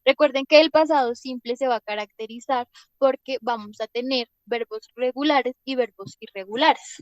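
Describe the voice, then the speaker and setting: A young woman teacher walks through grammar step by step, her voice sitting fairly high. She keeps pausing to check that everyone is following. The sound is close and dry, with no room echo. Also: lo-fi sound. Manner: patient and explanatory, often checking in with "¿listo?". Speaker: English teacher. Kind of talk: explaining grammar in a class lecture.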